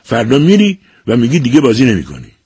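A man reading an audiobook and voicing a stern, furious middle-aged father who shouts orders at his son. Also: mid-range voice, lively intonation, husky, no room sound, clean studio sound, voice pushed up. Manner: shouting, domineering.

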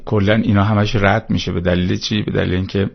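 A man's voice: lowish voice, level tone, creaky, muffled recording. A male talk-show guest who argues religious points in a preachy way, with hesitant fillers. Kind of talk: studio talk-show discussion.

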